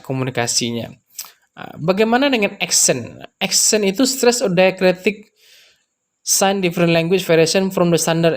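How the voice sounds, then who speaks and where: A man teaching language terms in an unhurried lecture, repeating example words and pausing with frequent fillers. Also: fairly high pitch. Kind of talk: explanatory lecture.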